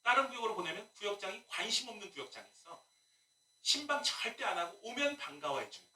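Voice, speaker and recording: A male pastor preaching a sermon in a lively way, with rhetorical questions and humorous asides. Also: high voice, fast talker. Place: church sanctuary. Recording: echoey room, mic at a distance.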